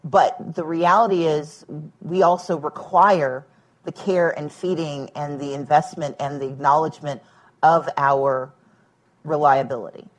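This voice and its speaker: A woman's voice: low voice, fairly even intonation, a little slow, poor audio. A woman speaking at a public event, a former candidate for governor, emphatic and dryly humorous with homely analogies. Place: event room with a live audience.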